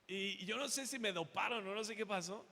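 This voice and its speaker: A Mexican pastor preaching a sermon, asking the congregation questions and building up to shouts. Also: male voice, sits high, brisk, gravelly. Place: church hall. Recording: reverberant hall.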